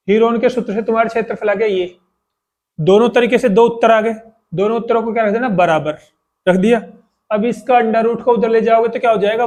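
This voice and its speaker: Man, fairly high voice, math teacher at a classroom board, patient, repeats steps, quizzes students. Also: darkish tone. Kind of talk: blackboard math lesson.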